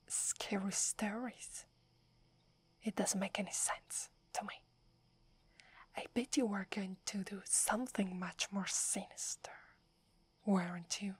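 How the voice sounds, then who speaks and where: Husky and medium in pitch, a woman with an Italian accent whispers accusingly as a proud, suspicious female werewolf guarding a holy forest in an ASMR roleplay, her manner scornful.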